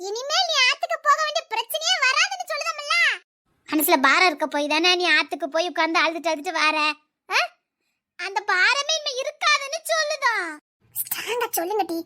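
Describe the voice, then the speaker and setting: A woman's voice: extremely high pitch, bright, forceful tone, full character voice. A woman voicing a young village girl who teases and schemes with her friends. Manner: teasing, conspiratorial. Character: scheming teasing village girlfriends, young women.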